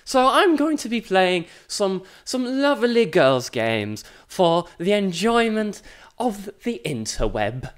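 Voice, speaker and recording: British man with animated, swooping pitch. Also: slow, smooth. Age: 20s. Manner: jokey, sarcastic, sweary. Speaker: YouTube gaming host. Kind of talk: casual let's-play commentary. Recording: music behind the voice.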